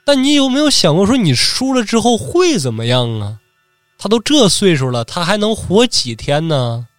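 A man's voice: a little high, wildly swooping pitch, slow, darkish tone, no echo, soft background music, heavily acted. A man voicing an old father who pleads with and lectures his hot-headed son. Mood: exasperated. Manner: pleading, exasperated.

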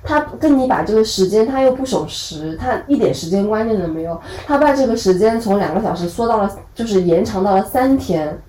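Female podcast host, calm, summing things up, in roomy audio. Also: mid-range voice, fairly quick, few pauses. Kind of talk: casual chat. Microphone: live audio chat app. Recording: roomy live-chat audio.

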